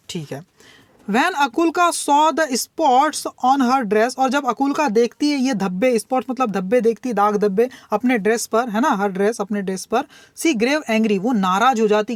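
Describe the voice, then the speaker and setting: A young woman teacher, her voice a little high and set close and dry with no room sound. She reads each English line slowly and carefully, then explains it in brisk Hindi and checks in with her students again and again. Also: no echo. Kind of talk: bilingual lesson explaining a story.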